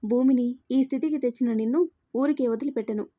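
Woman reading a furious young hero guy from a storybook, threatening, kinda high voice. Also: fast talker, muffled recording, lightly acted. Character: angry young man, fierce protective hero.

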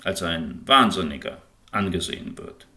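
A man's voice: low-pitched, sing-song, moderate pace, sharp tone, heavily acted. A man reading the lines of a sober, reasonable young man who argues in a firm, lecturing way.

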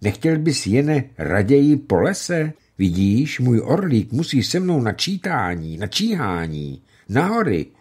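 A man doing a jovial booming gamekeeper. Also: very animated, a little mellow, breathy edge. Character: hearty middle-aged male gamekeeper, jovial.

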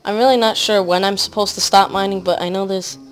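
A woman giving casual let's-play commentary at home, rambling with lots of fillers and often trailing off quietly. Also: medium pitch, steady tone, quick pace, faint music behind. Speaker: gaming commentator.

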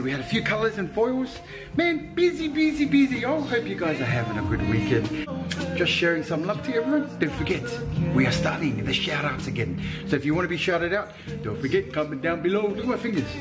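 Very animated and fairly quick, a high-pitched Samoan man in his thirties chats to a close-held handheld camera over loud music, tagging his lines with "yo." The salon owner's upbeat vlog moves from a parked car into a hair salon.

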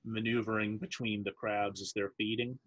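Man, game master, husky, bright tone, halting delivery with restarts. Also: on the low side, level tone, dull audio. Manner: halting, many restarts, laughs easily. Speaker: dungeon master. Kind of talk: narrating a tabletop game.

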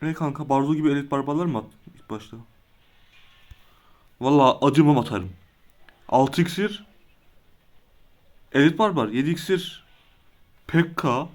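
A young man with a fairly high voice talks through a match as he plays. He is quick to lose his temper, groaning and cursing at his opponent between quick remarks about his moves. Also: lively intonation. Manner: hot-tempered, swears and groans in frustration. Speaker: gaming video creator. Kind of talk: casual live commentary while playing a game.

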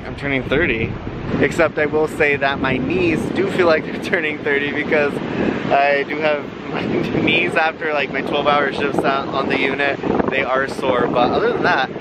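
A man's voice: on the high side, fairly even intonation, normal speed, heavy background noise. A man of thirty, a nurse, talking casually and self-consciously while vlogging with a handheld camera, mostly outdoors, with the odd laugh. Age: 30s. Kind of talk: casual travel vlog. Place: outdoors at the beach and around town, also a hotel room. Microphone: handheld camera at arm's length. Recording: music playing underneath.

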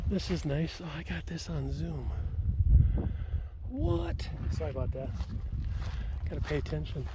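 Man talking slowly on a windy outdoor walk. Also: fairly high pitch, sing-song. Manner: rambling, repeats words while walking. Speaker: farm owner giving a land tour. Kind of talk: casual walking tour commentary. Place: outdoors in open grassland. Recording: outdoor phone audio with wind noise.

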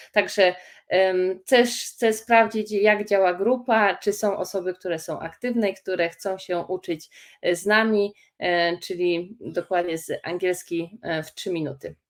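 A woman teaching English phrases in a live stream, slow and encouraging as she reads out viewers' comments. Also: on the low side. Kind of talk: live-streamed language lesson.

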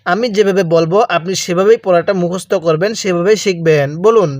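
A man's voice: high-pitched, a little fast, darkish tone, no echo, clean studio sound. A man teaching Quran reading with a Bangladeshi Bengali accent, patiently drilling letter sounds syllable by syllable for listeners to repeat after him. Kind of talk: slow call-and-repeat recitation lesson.

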